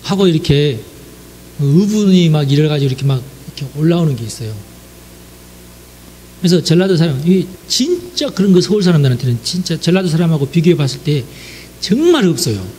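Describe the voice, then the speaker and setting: With a fairly high pitch, this Jeolla man preaches briskly and very animatedly, his tone a little mellow. He chats directly with the congregation, sprinkling in frequent affirmations, over a faint hiss or hum.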